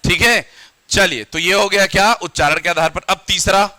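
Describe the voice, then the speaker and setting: A man with a high, very bright voice teaches a grammar lesson to a classroom. He keeps firing questions at the students and repeats their answers back to drill them. The sound is dry and close. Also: moderate pace, no room sound.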